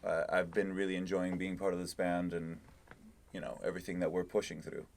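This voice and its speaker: A man from Venezuela, a band guitarist, speaking in a calm, measured casual chat. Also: low-pitched, vocal fry.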